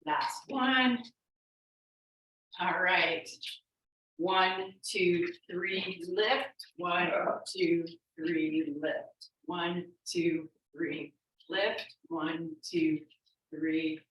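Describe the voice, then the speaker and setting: Female fitness instructor, lowish pitch, unhurried encouraging step-by-step cues, recorded off-mic. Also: flat delivery, fairly bright tone, a little hiss or hum. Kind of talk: exercise class instruction, cueing and counting moves. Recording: very echoey room, distant microphone.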